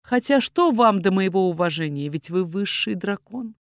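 A woman's voice: mid-range voice, animated, normal speed, no room sound, natural voice. A woman voicing a proud young woman who angrily defends her parents before a dragon lord, in a dry audiobook reading. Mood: furious. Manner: indignant, proud, raised voice.

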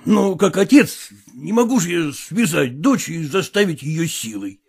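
An agitated middle-aged merchant father, as a male reader puts him on, rambling and pleading. The voice is husky and a touch gravelly, sitting fairly high and moving in wide, lively swings. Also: unhurried, exaggerated voice. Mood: flustered.

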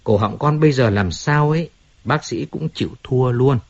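A self-pitying fallen star moans about his ruined life, as a man reads him out. His voice sits a little higher and rougher, full of complaint. The storybook recording sounds slightly dull. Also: normal speed. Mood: pleading. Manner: complaining, pleading, resentful. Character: self-pitying washed-up male singer, whining, bitter.

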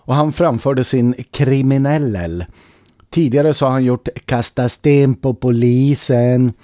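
A man's voice: medium pitch, dry recording. A man in his sixties, hosting a radio show in a wry, casual way on a close studio mic. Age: 60s. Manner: wry and lively.

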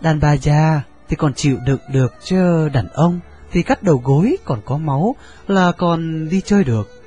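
Một người đàn ông kể truyện đọc, giọng chừng mực. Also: male voice, fairly high pitch, moderate pace, mellow, slightly rough, dull audio, faint music behind. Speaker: narrator. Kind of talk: audiobook narration.

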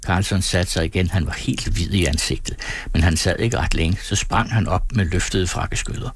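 A man reading a novel aloud as an audiobook narrator, in a measured storytelling manner. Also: sits low, a little hiss or hum. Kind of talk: scripted narration.

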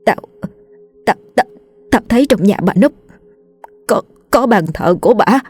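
A woman's voice: mid-range voice, animated, moderate pace, darkish tone, faint music behind, natural voice. A woman voicing a frightened young village woman who stammers and trembles as she speaks.

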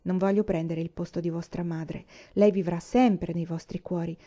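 A woman voicing a kind grown woman who speaks softly and tenderly to a child in an audiobook. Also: on the low side, steady tone, normal speed, dull audio, close to an everyday voice. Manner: soft, tender, reassuring.

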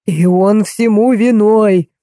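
A woman reading an audiobook, voicing a deranged old man in a wheelchair who shouts accusations and repeats himself. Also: medium pitch, moderate pace, dry recording, studio quality, natural voice. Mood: raving.

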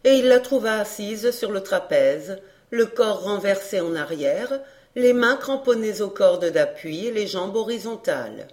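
A woman reading a classic detective novel aloud in measured, clear narration. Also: medium pitch, animated, a little mellow. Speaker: audiobook reader. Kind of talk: literary audiobook narration.

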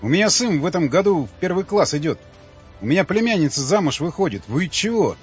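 Hysterical shouting male officer, put on by a narrator; high and raspy. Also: lively intonation, very fast. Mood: panicked. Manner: shrill, yelling. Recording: slightly dull audiobook audio, faint music.

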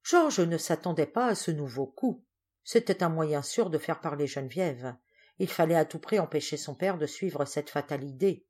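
A woman reading a classic novel aloud as an audiobook narrator, in a steady, measured way. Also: low voice. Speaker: audiobook reader.

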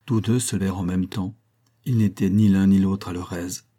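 Audiobook narrator: man, low dark voice, measured reading. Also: steady tone. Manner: measured, literary. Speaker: audiobook reader. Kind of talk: scripted narration.

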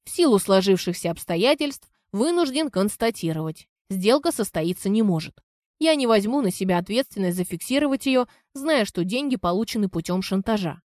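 A woman's voice: mid-range voice, lively intonation, normal speed, a little mellow, no room sound, studio quality, natural voice. A woman reading an audiobook, voicing a hesitant, formal male lawyer. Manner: formal, officious.

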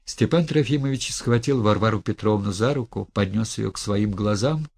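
Guy reading a classic novel, gravelly husky voice, measured. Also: fairly low pitch, darkish tone. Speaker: audiobook narrator. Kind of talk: literary audiobook narration.

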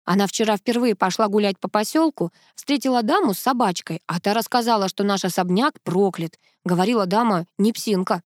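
A woman reading the part of a self-assured businesswoman and mother in an audiobook, with a brisk, matter-of-fact delivery. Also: medium pitch, no room sound, studio quality, lightly acted. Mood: chatty.

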